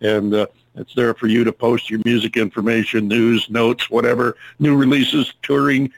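A man's voice: medium pitch, level tone, normal speed, creaky, no room sound, poor audio. A man hosting an interview show, chatting casually in a folksy, welcoming way. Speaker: radio show host.

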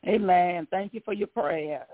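Husky, quick-spoken woman on the phone. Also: lowish voice. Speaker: caller receiving prayer. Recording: tinny phone or radio-like line.

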